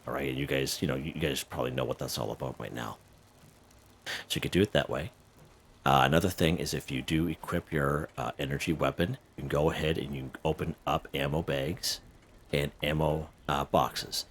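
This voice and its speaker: A gaming video host with an extremely deep, low voice, slightly hoarse, runs through a casual game walkthrough in an easygoing, chatty manner. He speaks fairly quickly with fairly even intonation, often checking in with the viewer with "okay?" and "right?", while a faint hum of noise sits in the background.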